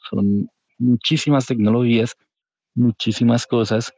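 A man's voice: mid-range voice, steady tone, unhurried, darkish tone, dry recording. A man with a Colombian accent telling his own story casually and colloquially as an interview guest. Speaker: podcast guest, career changer into programming. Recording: dull, lo-fi audio.

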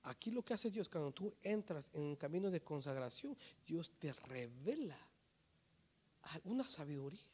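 Male preacher, fairly high voice, fervent sermon that swings from loud to hushed, some English mixed in. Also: big pitch swings, normal speed, slightly rough. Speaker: pastor.

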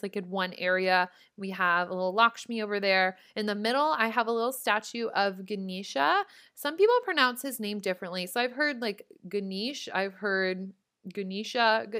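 A woman's voice: medium pitch, fairly bright tone, clean tone. A young woman hosting a podcast in casual chat, talking chattily with many "like" fillers and laughing at her own slips. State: voice cracking. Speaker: podcast host.

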